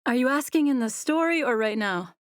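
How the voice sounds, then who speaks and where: A woman voicing a shy, excited young woman in love, asking eager questions. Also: high-pitched, fairly quick, no echo, studio quality, voice pushed up.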